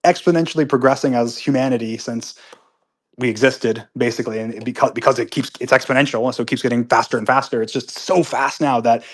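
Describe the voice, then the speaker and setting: A man's voice: medium pitch, fairly even intonation, fast. A man hosting a live audio chat from home, answering listener comments casually and earnestly, with many restarts and fillers. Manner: upbeat and earnest when disagreeing. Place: at home with pets nearby.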